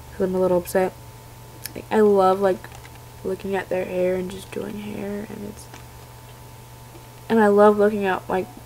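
A woman's voice: fairly low pitch, gravelly, a little mellow, slight background noise, low-quality recording. A young woman in her late teens with a stuffy, congested voice from a cold, ranting to camera in a rambling, exasperated way. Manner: rambling, filler-heavy, exasperated. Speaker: vlogger.

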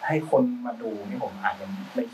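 A man's voice: normal speed, a little mellow. Chatty man talking a bit off-mic. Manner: loose and chatty, with frequent restarts and slang. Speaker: film sound designer, guest speaker. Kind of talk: casual talk-show conversation. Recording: voice a bit far from the mic, faint background noise.

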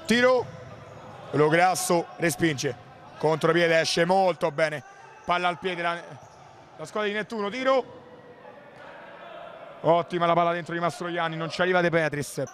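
High-pitched excited male sports commentator, noisy hall. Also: moderate pace, long pauses. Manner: excited, clipped play-by-play with sudden shouted goal calls. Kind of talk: futsal match commentary.

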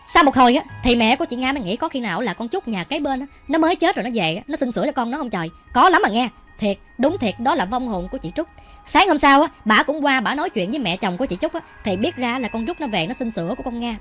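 A woman's voice: on the high side, animated, quick pace, fairly bright tone, soft background music. A woman with a Southern Vietnamese accent telling a ghost story in a chatty way, often speaking directly to her listeners. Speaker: storytelling channel host. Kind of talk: ghost story narration while cooking.

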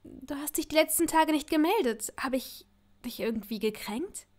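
A proud, sharp-tongued young woman talks in a raised, eager voice, nerves showing, as a woman reader plays her. It is a storybook reading with a voice pitched higher than usual. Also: animated, normal speed. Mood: nervous.

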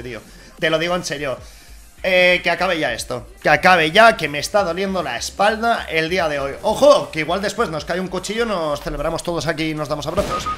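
Animated man commenting over music. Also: mid-range voice. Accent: Spain Spanish. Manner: exasperated, joking, swinging between mutters and outbursts. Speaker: gaming YouTuber. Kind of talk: casual gameplay commentary. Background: background music.

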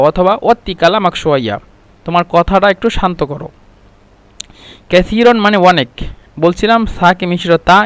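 A high-voiced man teaches a language lesson. He says each phrase more than once and then explains it. The sound is dry and close, with no room echo. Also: clean tone. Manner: repeats each phrase slowly and translates it. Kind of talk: explaining Arabic phrases in Bengali.

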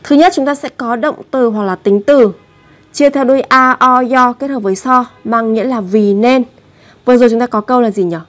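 A woman teaching a language lesson, explaining grammar and pronunciation and slowly repeating example words. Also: on the high side.

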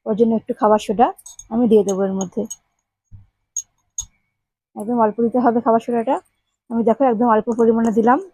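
A woman's voice: fairly high pitch, level tone, fairly quick, long pauses, dark tone, breathy edge, no room sound, low-quality recording. Chatty woman hosting a home cooking show. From Bengal. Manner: chatty, addresses viewers directly step by step. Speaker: home cooking channel host. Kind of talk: casual cooking demonstration.

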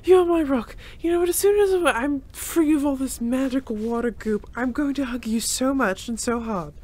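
A woman voicing a gentle, emotional young male reborn spirit in an audio role-play, breathless and given to nervous sighs and laughs. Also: high voice, normal speed. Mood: breathless, grateful.

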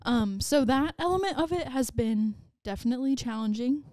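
A woman's voice: high voice, animated, moderate pace, darkish tone, no echo, clean studio sound. A pregnant woman in her twenties co-hosting a casual podcast chat, rambling and giggling with lots of "like"s. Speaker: podcast co-host.

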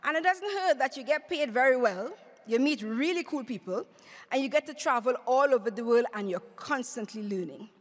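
A woman's voice: sits high, expressive, moderate pace. A middle-aged woman delivering a prepared, rousing speech at a podium microphone in a conference hall. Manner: rhetorical, rousing, paced with emphatic lists. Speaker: award speaker. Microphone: podium mic on stand.

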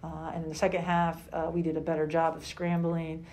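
Woman coach, postgame press conference, halting and measured, lowish voice, seated at a table. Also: monotone, a little mellow. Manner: measured, halting, many fillers. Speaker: basketball head coach. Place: small room indoors at a table.

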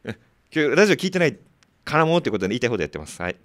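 A man's voice: medium pitch, sing-song, a bit bright, no echo. A man hosting a community radio show, reading listener mail in a chatty, joking way with frequent laughter. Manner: chatty, laughing often, quick asides to listeners.

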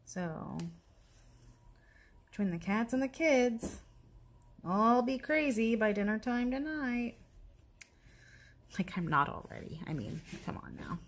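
A woman in her thirties chatting casually to viewers while she crafts, rambling and self-deprecating, now and then dropping to a soft whisper as she works. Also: a little high, expressive, slow pace, long pauses. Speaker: crafting vlogger.

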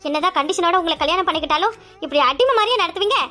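A woman's voice: very high voice, animated, racing, faint music behind, heavily acted. A woman voicing a proud, defiant young wife in a cartoon drama, answering back indignantly. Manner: indignant, sharp retorts.

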